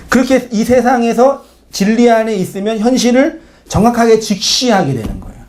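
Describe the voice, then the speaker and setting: A man's voice: very high-pitched, sing-song, normal speed, darkish tone. A male pastor preaching in a conversational way, often questioning the congregation and acting out short quoted lines. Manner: acts out short quoted lines in changing voices. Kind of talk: sermon.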